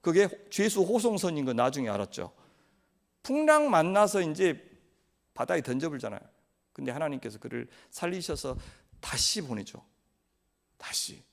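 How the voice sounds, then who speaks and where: Male pastor, sermon, rather high voice, very lively intonation. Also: normal speed, gravelly. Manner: animated, quizzes the congregation with questions.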